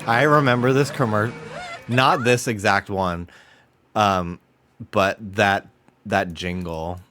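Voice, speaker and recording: A man's voice: fairly low pitch, fairly even intonation, takes it slowly, fairly bright tone, faint music behind. A man in his late twenties giving casual, candid reaction commentary with informal, profane phrasing. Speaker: host reacting to old commercials.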